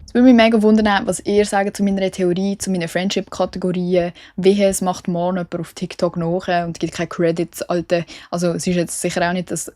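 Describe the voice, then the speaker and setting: A woman's voice: medium pitch, mellow, no echo, studio quality. A young woman from Switzerland with a Swiss German accent, chatting casually as the host of her solo podcast, self-mocking and full of English slang.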